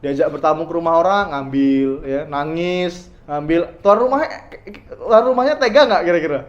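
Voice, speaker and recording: A man with a fairly high voice gives a conversational religious lecture. He talks straight to his listeners and asks them questions, swinging between loud stressed points and quiet asides. The recording sounds dull and lo-fi. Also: moderate pace. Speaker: Islamic preacher.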